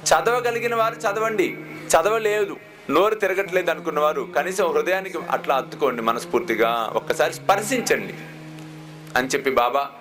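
A male spiritual teacher telling a devotional story in an animated, expressive sermon. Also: on the high side, normal speed, soft background music. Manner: animated, switches into character voices.

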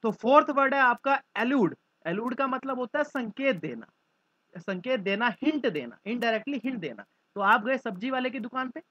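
A man's voice: very high voice, dry recording, lo-fi sound. A male teacher explaining vocabulary through mnemonics, acting out little scenes as he goes. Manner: lively, acts out little scenes.

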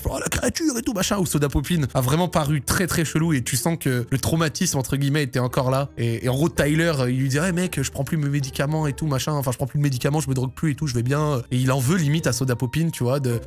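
A young man narrates a bizarre tale in quick, rambling casual chat, peppering it with slang and fillers. His voice sits a little high and the words tumble out at a rapid clip. Faint music plays behind him. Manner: slangy, rambling, full of "tu vois" and "genre". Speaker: YouTube storyteller. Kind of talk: casual storytelling to viewers.

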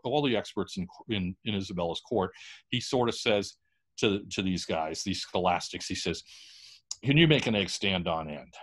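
A man giving an informal, animated history lecture, telling stories and acting out quotes. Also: on the low side.

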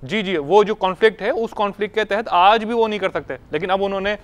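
A man's voice: high-pitched, fast talker. A man as a guest on a business talk show, explaining economics at length with some hesitations. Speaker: guest analyst. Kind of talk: studio discussion.

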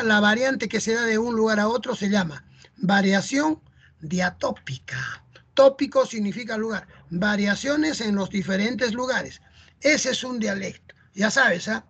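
A Peruvian teacher with a Peruvian Spanish accent explains a lesson in a chatty way, tagging lines with rhetorical "¿no?" and "¿ah?". The voice is medium-pitched, fairly bright and husky, and the highs are cut off.

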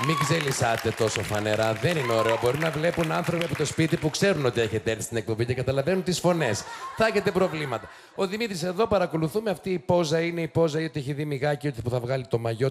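Sarcastic gravelly male TV host. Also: a little high. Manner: sarcastic, teasing, quick mocking asides. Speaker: TV show host. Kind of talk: joking commentary to a studio audience. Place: TV studio. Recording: noisy studio with loud audience. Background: studio audience laughing and cheering.

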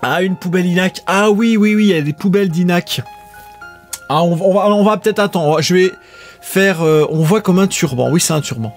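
A man's voice: high-pitched, normal speed, soft background music. Laid-back man streaming retro games. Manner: laid-back, rambling, chatting with viewers. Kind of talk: casual live-stream chat.

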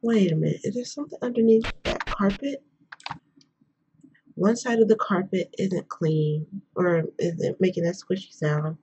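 A young woman hosting a game playthrough in a quiet whisper, chatting casually as she plays. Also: mid-range voice. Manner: whispering quietly, keeping voice hushed. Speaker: gaming video host. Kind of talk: whispered let's play commentary, casual chat. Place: indoors at home. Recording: noisy background, keyboard and mouse clicks.

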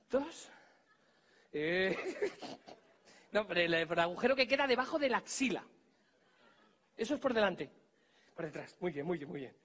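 Lively bantering Spanish stage magician, bright tone. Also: male voice, high-pitched, slightly rough. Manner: bantering, teasing volunteers, giving quick orders. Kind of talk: live stage comedy magic act.

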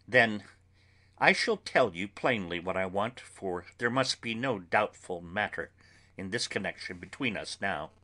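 A man reading an audiobook, voicing an anguished, earnest young woman who pleads solemnly and slowly with her friends. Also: on the low side, lively intonation, bright, forceful tone, full character voice. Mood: solemn pleading. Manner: solemn, slow, pleading delivery.

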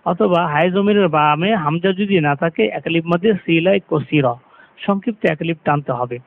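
A man teaching Quran recitation, explaining pronunciation rules step by step and slowly chanting the verses. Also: on the high side. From Bangladesh. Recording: tinny lo-fi phone-like sound.

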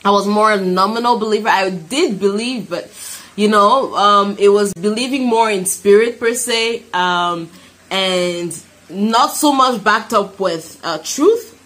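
A woman's voice: mid-range voice, measured pace, a bit bright. A woman in her thirties from Cameroon giving a heartfelt, emphatic personal testimony and prayer to camera. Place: small room indoors. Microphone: phone at arm's length.

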